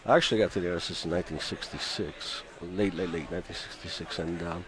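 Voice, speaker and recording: Radio guest: deep-voiced Cuban-born musician in his fifties, relaxed and chatty. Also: fast, crowd noise. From Cuba. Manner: chatty, laughs often, many restarts. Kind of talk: radio interview.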